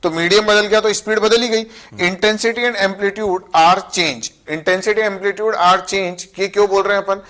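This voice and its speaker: Man, high voice, co-teaching physics, reasons step by step. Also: steady tone, normal speed, hardly any pauses, sharp tone. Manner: reasons step by step, checks with fillers like "ठीक है". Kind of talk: classroom lesson explaining concepts.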